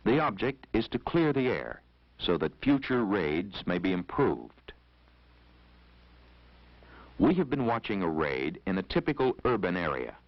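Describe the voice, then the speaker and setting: Over a vintage 1970s soundtrack, a low-pitched American man delivers instructional-film narration with formal, measured authority. The sound is lo-fi and free of echo.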